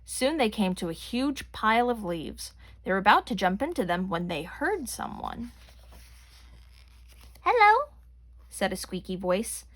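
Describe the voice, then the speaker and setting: A woman reading a children's story aloud with gentle, clear storytelling. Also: medium pitch, sing-song, moderate pace. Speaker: reader. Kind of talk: children's read-aloud narration.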